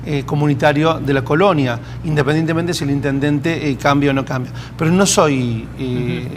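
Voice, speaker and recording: A man whose first language is Hebrew, speaking as a community-building expert, thoughtful and pausing with fillers. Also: on the high side, steady tone, noisy background. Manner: thoughtful, hesitant fillers, practical examples. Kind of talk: reflective interview answers.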